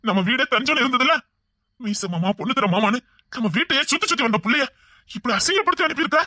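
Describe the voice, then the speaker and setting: A man's voice: extremely high pitch, animated, quick pace, pushed and bright, dry recording, full character voice. A man playing a stern scolding elder brother. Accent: Tirunelveli Tamil. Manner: scolding, pleading.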